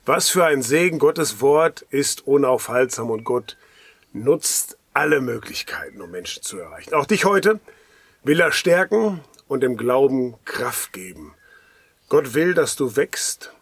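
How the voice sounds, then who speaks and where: A man preaches a daily devotional in a husky, slightly breathy voice. He speaks earnestly and pastorally, often sinking into a hushed whisper for emphasis. The sound is dry and close to the mic. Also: medium pitch, animated, slow pace, dry recording.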